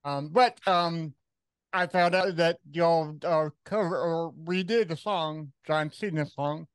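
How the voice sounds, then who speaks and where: Smooth-voiced man in his forties hosting. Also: on the high side, no room sound. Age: 40s. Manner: halting, lots of fillers and restarts. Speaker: podcast host. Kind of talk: casual interview chat.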